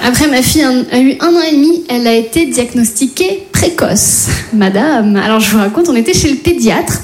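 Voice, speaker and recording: A woman's voice: high voice, lively intonation, a little fast. A woman in her thirties doing a stand-up routine, telling stories in a wry, self-mocking way. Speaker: stand-up comedian.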